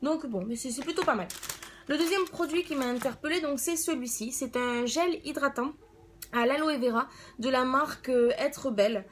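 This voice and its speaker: A woman talks casually through a beauty review. She is conversational and a little hesitant, thinking out loud as she goes. There is faint noise behind her. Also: high-pitched, moderate pace. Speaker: beauty vlogger reviewing products. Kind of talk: casual spoken product review.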